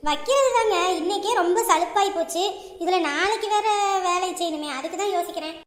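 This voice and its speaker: A woman acting out a comic family skit, chatty and teasing, voicing several relatives. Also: very high-pitched. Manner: quick, chatty, teasing banter. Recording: echoey room with faint music.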